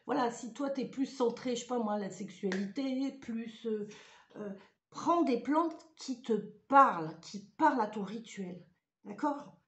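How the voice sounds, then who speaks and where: A chatty woman explaining things step by step, pausing often on fillers as she thinks aloud. Her voice sits a bit high, and the room around her rings with noticeable echo. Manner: chatty, hesitant, many fillers. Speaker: ritual practice vlogger. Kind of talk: casual spoken tutorial. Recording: roomy echoey room.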